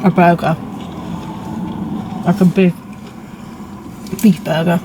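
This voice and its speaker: A woman's voice: lowish voice, steady tone, takes it slowly. A young woman chatting casually as co-host over a meal, in short, informal phrases. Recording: clear background ambient noise.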